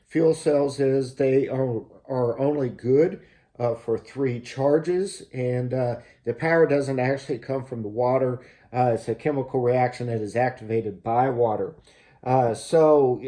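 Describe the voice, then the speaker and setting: A man hosting a casual gear review, explaining things in a halting, measured way. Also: mid-range voice, dark tone. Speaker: host of a gear review channel. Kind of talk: casual product review to camera.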